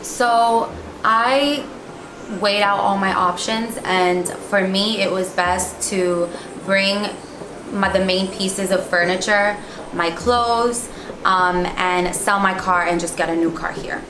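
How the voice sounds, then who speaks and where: A young woman from New York and New Jersey, a business owner, casually shares her experience as an interview guest. Her mid-range voice stays steady and she speaks slowly. The room is echoey, with music and some background noise behind her.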